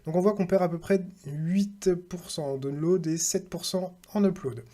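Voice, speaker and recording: A man's voice: high-pitched, steady tone, moderate pace, mellow. A man talking casually through a screen-recorded tech tutorial, thinking aloud and reading out numbers with hesitant fillers.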